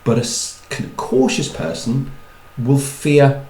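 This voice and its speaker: A man's voice: mid-range voice, sing-song, slow pace, a little mellow, echoey room, rough recording. A man giving a chatty talk on personality types, with wry asides and repeated words. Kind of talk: talk to an audience.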